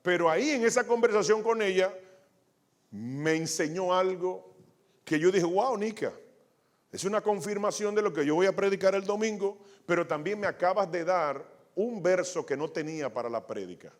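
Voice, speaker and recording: Male pastor, sermon storytelling, fairly high voice, restarts often. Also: normal speed. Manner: storytelling, acting out quotes, many restarts. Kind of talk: sermon with testimony.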